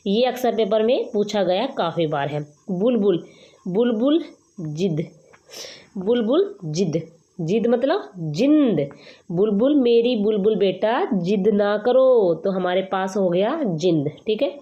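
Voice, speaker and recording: A woman's voice: mid-range voice, lively intonation, slow, warm tone. A woman teacher, running an exam-prep lesson and acting out playful memory-trick lines. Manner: playful, acts out mnemonic dialogue lines. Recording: dull lo-fi recording.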